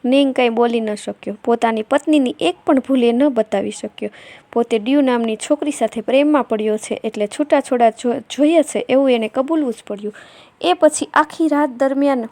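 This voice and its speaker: A woman narrating a family story in a steady, measured storytelling manner. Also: fairly high pitch, dry recording.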